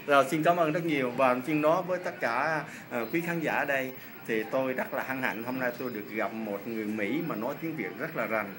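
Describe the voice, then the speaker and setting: Speaking fairly quickly with hardly any pauses, a mid-range-voiced middle-aged man from Vietnam runs a polite, casual interview and often repeats the answers he hears. He's in an indoor pool hall, captured on a phone held at arm's length with lots of pool noise.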